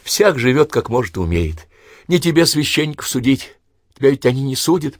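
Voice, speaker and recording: A man's voice: medium pitch, sing-song, fairly quick, dry recording, studio quality, voice pushed up. A man voicing a serious, sad middle-aged daughter who speaks firmly and scolds. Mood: stern. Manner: firm, scolding.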